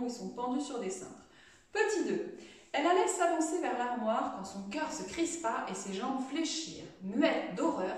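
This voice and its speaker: A woman teacher reading pupils' stories aloud expressively, then going over answers in a home-school lesson. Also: fairly high pitch. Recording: echoey room, distant mic.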